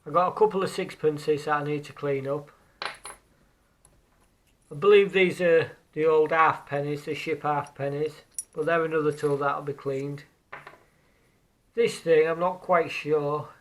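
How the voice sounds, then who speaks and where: Out on a beach, a man with a somewhat raised pitch casually muses over his metal detecting finds, relaxed and unscripted. He speaks at a measured pace, pausing often, hesitating and repeating words as he looks at what he's found. The recording is rough.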